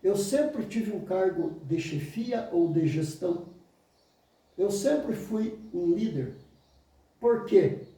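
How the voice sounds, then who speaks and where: A man in his fifties with a Brazilian Portuguese accent, teaching oratory in an emphatic motivational lecture that mimics excuses in a higher voice and answers them low and firm. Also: lively intonation, takes it slowly, warm tone. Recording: very echoey room, mic far off.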